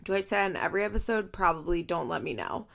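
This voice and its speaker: Podcast host, female, Valley Girl accent, gravelly fry, chatty and amused. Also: lowish voice, lively intonation, fast talker. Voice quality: vocal fry. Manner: chatty, frequent "like" fillers, swearing, amused. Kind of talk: casual reality-TV recap monologue.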